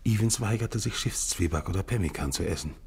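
A man's voice: low voice, a little fast, a little mellow, slightly rough, full character voice. An actor playing a grim, exhausted male polar expedition captain, narrating in a solemn, psalm-like recital for a 1950s radio play. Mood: somber.

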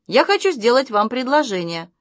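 A woman's voice: fairly high pitch, sing-song, normal speed, dry recording, clean studio sound, voice pushed up. A woman voicing a sentimental, eccentric male artist in a storybook, with a gushing, pleading manner.

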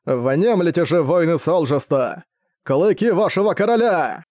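Man voicing a roaring warlike king, commanding, slow rally cries, audiobook, dry close sound. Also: on the high side, darkish tone, no room sound. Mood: rousing. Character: fierce warlike adult male king.

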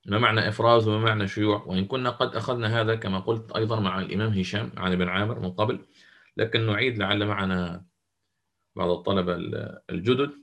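A man teaching a lesson on Quran recitation rules. He explains step by step, asks questions and answers them himself, and slowly repeats each pronunciation he models. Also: lowish voice, steady tone, creaky, fairly bright tone.

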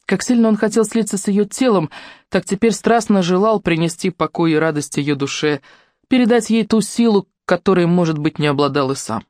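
Audiobook narrator, measured and steady, close dry mic. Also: mid-range voice, no room sound.

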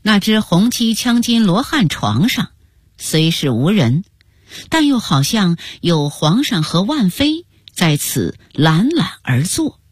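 A woman telling a historical story in scripted narration, with an expressive, melodic delivery. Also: lowish voice, slow, husky, no echo, studio quality. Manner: expressive, rising and falling melodically.

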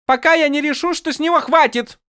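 A man's voice: very high voice, fairly even intonation, fairly quick, sharp tone, no echo, clean studio sound, pitched above the performer's own voice. A man voicing a petulant young male king who speaks in haughty, clipped commands, read as an audiobook character. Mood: cold.

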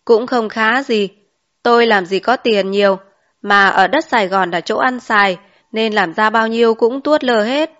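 A woman voicing a young man back from the city, a chauffeur, in an audiobook, relaxed and plain-spoken. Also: on the high side, normal speed, lightly acted. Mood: boastful. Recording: dull lo-fi recording.

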